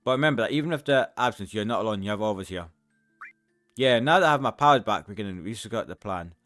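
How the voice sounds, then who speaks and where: A man with a Scottish accent playing through a game, reading every character's lines aloud and shifting his pitch between the parts, close to the mic. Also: animated, fast, a bit bright, faint music behind. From Scotland. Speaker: let's-play streamer.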